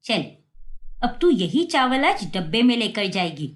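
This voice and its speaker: A woman voicing a strict, sarcastic middle-aged mother in an animated story. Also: a little high, a little slow, voice pushed down. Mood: scolding. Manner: nagging, sarcastic.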